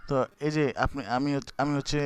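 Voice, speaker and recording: A young YouTube tutorial host with a fairly high, level, clean voice talks fast as he walks viewers through a video app. The screen-recorded tutorial is casual and halting, packed with fillers and restarts.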